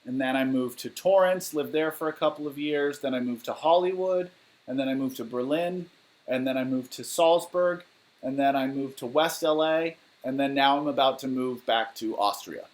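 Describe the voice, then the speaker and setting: A man's voice: medium pitch, normal speed, poor audio. A man in his thirties from Southern California, casually reading out and answering viewer questions on a livestream in his living room, candid and rambling with fillers. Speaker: musician livestreaming Q&A. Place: living room at home, indoors. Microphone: webcam or laptop mic at desk.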